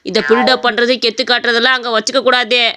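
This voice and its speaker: A woman's voice: a little high, level tone, fast talker, pushed and bright, a little hiss or hum. A woman voicing a bossy middle-aged man who scolds and lectures in a cartoon story. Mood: lecturing. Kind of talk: cartoon voice acting.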